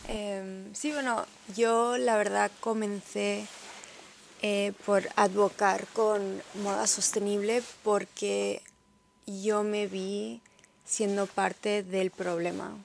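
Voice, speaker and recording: A woman's voice: mid-range voice, level tone, slow, vocal fry, a little hiss or hum. A young woman with a mixed Spanish and Peruvian accent, chatting casually and telling her story in Spanglish. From born in New York, Peruvian and Spanish parents. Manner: Spanglish, dropping English words into Spanish. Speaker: interview guest, model and sustainable fashion advocate.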